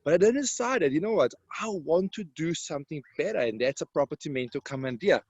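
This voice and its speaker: Speaking English as a second language with a Serbian accent, a man from Serbia answers interview questions as a self-assured property mentor, using broken grammar and a sales-coach style. His voice is slightly high, husky, and darkish, with lively intonation and a somewhat quick pace. The lo-fi recording has no echo.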